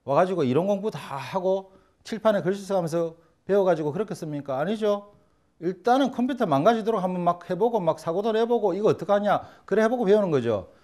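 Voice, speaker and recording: A man's voice: high voice, lively intonation, brisk, darkish tone. A man teaching a lecture on learning Chinese, blunt and joking, acting out examples in funny voices. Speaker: Chinese language instructor. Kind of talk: lively classroom lecture.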